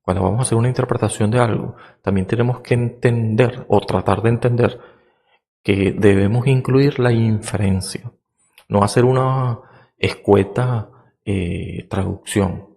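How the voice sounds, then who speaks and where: A man hosting a podcast, giving a slow, reflective philosophical monologue like a teacher, with many fillers and rhetorical checks. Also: on the low side, vocal fry, darkish tone, breathy edge. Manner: explaining like a teacher. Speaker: podcast host.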